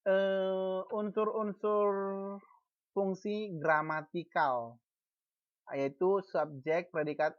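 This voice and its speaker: Slow, muffled online teacher. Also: mid-range voice. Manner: asks the class questions and answers them; frequent false starts and repeated syllables. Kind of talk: online class lecture. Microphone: video call.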